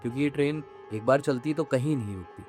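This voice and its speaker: A man puts on a brash young man, pitched a little higher and louder than his own voice. He sounds dismissive and quick to scoff. Faint music sits under the voice. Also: close to an everyday voice. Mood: amused.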